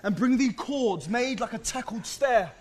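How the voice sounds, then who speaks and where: A man playing an eager young man in love in a Shakespeare play, giving hurried instructions. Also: very high voice, animated. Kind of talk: Shakespeare stage acting.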